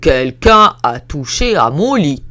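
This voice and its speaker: A woman voicing a big bear in a read-aloud storybook, with a gruff, heavy delivery. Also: deep voice, very animated, slow pace, fairly bright tone, exaggerated voice. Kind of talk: storybook reading.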